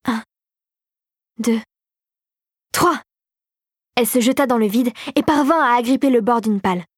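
A woman narrating an adventure storybook in a dramatic, expressive way. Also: on the high side, fast talker, no echo, studio quality.

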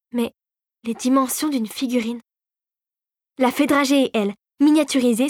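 A woman narrating a storybook in a calm, measured reading voice. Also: on the high side, no room sound, clean studio sound.

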